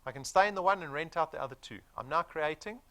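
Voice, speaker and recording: Animated and fast, a South African man of about forty pitches motivation to a business audience. His voice swings widely in pitch with a bright, punchy tone, and he persuades emphatically, often tossing out rhetorical questions.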